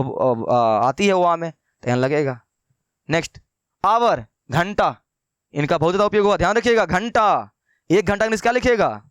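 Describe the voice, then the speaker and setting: Brief: male tutor, high and smooth voice, dry close sound, asks his own questions and repeats points. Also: fairly bright tone, no echo. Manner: slows down to dictate notes. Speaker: English teacher. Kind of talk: online grammar lesson.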